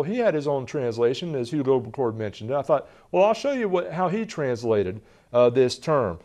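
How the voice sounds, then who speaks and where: In a television studio, a man in his forties stands at a lectern teaching a Bible lesson, his voice fairly high and a little mellow. He is earnest, gesturing as he reads passages aloud.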